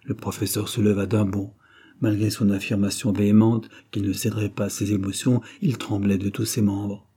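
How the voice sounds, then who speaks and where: Man, audiobook narrator, detective story reading, low voice, husky, mellow. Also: flat delivery, normal speed. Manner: raises pitch and volume to voice the characters' quoted lines.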